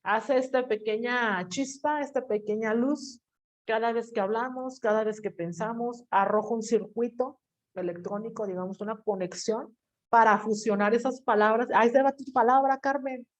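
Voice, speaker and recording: A woman's voice: on the high side, steady tone, moderate pace. A woman teacher giving a chatty class lecture, acting out little inner voices as she explains. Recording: lo-fi dull audio.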